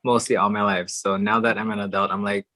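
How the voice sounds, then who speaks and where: A young man from Hawaii, a drag performer and podcast guest, chatting casually and warmly and laughing often. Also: lowish voice, flat delivery, a little fast, no room sound. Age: young adult. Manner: chatty, warm, laughs often between phrases. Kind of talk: casual chat.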